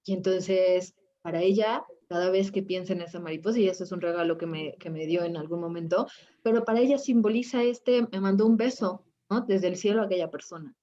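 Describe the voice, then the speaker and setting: Woman coach, warm low-key tone, lively storyteller, lo-fi audio. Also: a little fast. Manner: animated, acts out her own past reactions. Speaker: spiritual coach. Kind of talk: conversational interview storytelling.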